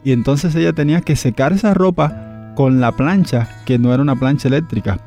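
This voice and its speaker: A man's voice: mid-range voice, fairly quick, warm tone, faint music behind. A middle-aged man from the Republic, a radio guest telling memories in a thoughtful, hesitant way with many fillers. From Dominican Republic. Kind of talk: reflective interview storytelling.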